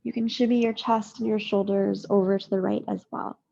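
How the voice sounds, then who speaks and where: Soft-spoken gravelly woman guiding yoga. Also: medium pitch, level tone, dull audio. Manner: slow, soothing, drawn-out phrasing with long pauses. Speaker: yoga teacher. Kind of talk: slow guided yoga meditation.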